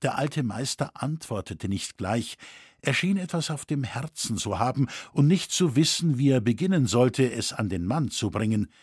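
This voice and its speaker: A man reading a historical novel aloud in a measured, calm storytelling manner, recorded on a close studio mic. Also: medium pitch, breathy edge, no echo. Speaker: audiobook reader. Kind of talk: scripted narration.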